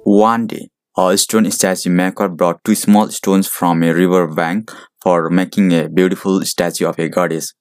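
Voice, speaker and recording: A man narrating a moral story in a slow, deliberate, explaining way. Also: low-pitched, steady tone, no room sound, faint music behind.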